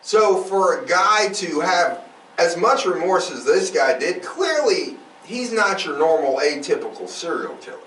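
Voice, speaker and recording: A man hosts a true crime podcast, telling the story in a casual, emphatic, profane conversational style. His voice is high, sing-song, unhurried and fairly bright. The recording sounds roomy, with a distant mic and faint noise.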